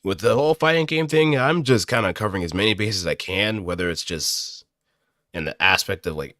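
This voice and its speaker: With a lowish, slightly bright voice and a slightly quick pace, a man thinks aloud to viewers in a hesitant, meandering chat. He's an amateur hoping to do voice acting, recorded dry on a close studio mic.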